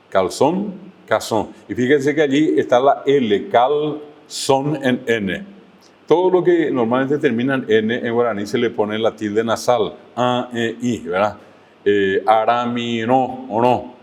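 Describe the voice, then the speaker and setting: A man giving an online language lecture, slowing down to spell out syllables as he explains. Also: lowish voice. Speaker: language teacher.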